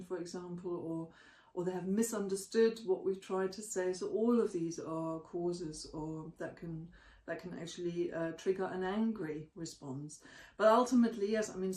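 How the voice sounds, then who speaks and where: A podcast co-host explaining ideas in a measured way, with many filler sounds. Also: medium pitch, a little mellow, distant mic. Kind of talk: conversational podcast discussion. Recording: echoey room, away from the mic.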